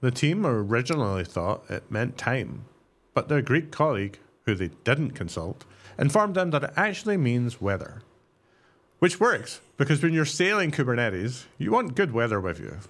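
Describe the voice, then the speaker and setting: A man's voice: mid-range voice, sing-song, moderate pace. A man co-hosting a tech podcast. He moves from a scripted intro with sarcastic jokes into casual interview questions. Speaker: podcast co-host.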